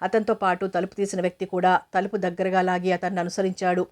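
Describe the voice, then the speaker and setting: A woman narrating an audio novel in a steady, even storytelling manner. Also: lowish voice, fast talker.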